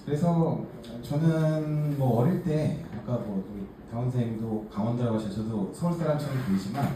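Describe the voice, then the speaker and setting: Speaking at normal speed in an animated mid-range voice, this workshop case presenter recounts his life to a group in a chatty, self-deprecating style packed with fillers. He's in his forties and comes from Gangneung, Gangwon Province, South Korea. The recording has room echo, a far-off microphone and light hiss.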